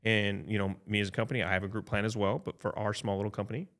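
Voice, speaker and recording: Low-voiced chatty man in his fifties. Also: steady tone, very fast, fairly bright tone. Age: 50s. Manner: chatty, frequent "right?" tag checks and restarts. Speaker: health insurance advisor. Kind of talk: casual podcast explanation.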